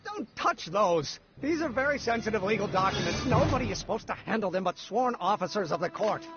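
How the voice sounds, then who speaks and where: An actor playing a young, stiff and excitable law clerk who mutters about science, in a video game. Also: male voice, high voice, a little fast. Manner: muttering equations, excitable outbursts. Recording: dull lo-fi game audio with music.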